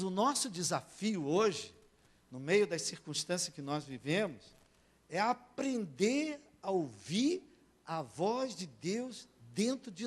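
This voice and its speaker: A male pastor from Brazil preaching a sermon in a church. He keeps asking the congregation for amens and swings between soft and loud. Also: high voice.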